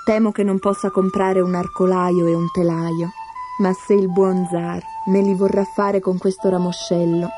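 Woman voicing a sly, gentle peasant girl. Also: lowish voice, flat delivery, moderate pace, over music, lightly acted. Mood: calm, sly. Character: clever, calm young peasant girl.

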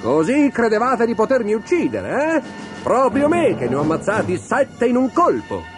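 A swaggering little tailor from a fairy tale, crowing his victories in a strained high shout, as a male narrator puts him on. The voice leaps around wildly. Music plays underneath. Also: huge pitch swings, normal speed. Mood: boastful. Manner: shouting, high-pitched bravado. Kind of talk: storybook narration. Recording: music in the background.

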